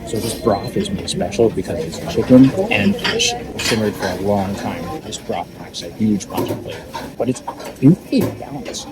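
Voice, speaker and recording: A man's voice: fairly low pitch, big pitch swings, normal speed, heavy background noise. A man hosting a food vlog, giving casual, informal and enthusiastic commentary on what he eats. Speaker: food vlogger and host.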